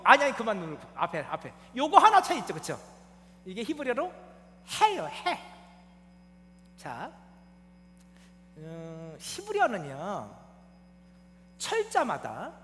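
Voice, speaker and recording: A man's voice: sits high, bright, forceful tone, in a large hall. A male pastor preaching a sermon in a church, explaining things like a teacher and asking his congregation questions. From South Korea. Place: church sanctuary.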